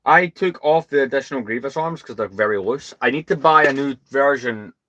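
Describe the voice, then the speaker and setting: A man from the UK with a British accent, hosting a casual livestream in a calm, soothing voice and a rambling, chatty, self-deprecating manner. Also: mid-range voice, fairly quick, dull audio, slight background noise. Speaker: host.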